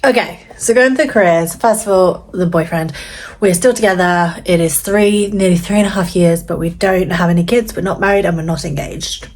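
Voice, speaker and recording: A woman's voice: lowish voice, normal speed, darkish tone, a little hiss or hum. Chatty woman in her thirties. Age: 30s. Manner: chatty, reflective, self-teasing. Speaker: vlogger. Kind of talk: casual reply vlog.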